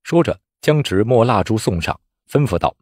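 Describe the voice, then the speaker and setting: A male storyteller reads a novel aloud with expressive, dramatic narration. His pitch moves in a lively way, and his voice is slightly husky. The recording is close and dry. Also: moderate pace, dry recording.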